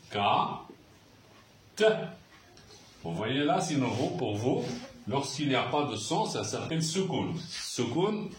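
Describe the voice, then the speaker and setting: A man teaching letters to French speakers in a patient, hesitant way. He repeats words as he writes them on a board. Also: mid-range voice. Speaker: Arabic teacher. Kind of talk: slow handwriting lesson. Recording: roomy, far from the mic, faint hiss.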